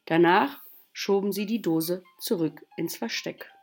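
A woman teacher reading a children's story aloud to her class, slow and expressive. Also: fairly low pitch, soft background music.

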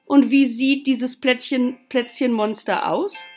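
A woman's voice: high voice, steady tone, slow, faint music behind, pitched above the performer's own voice. A woman voicing a startled, playful mother in a children's story she reads aloud. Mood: mock dismay.

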